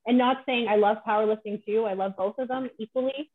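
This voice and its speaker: A woman's voice: fairly high pitch, steady tone, a little fast. A woman in casual conversation, chatty and full of filler words. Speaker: guest, powerlifter and pole competitor. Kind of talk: casual podcast chat. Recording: tinny phone-like line.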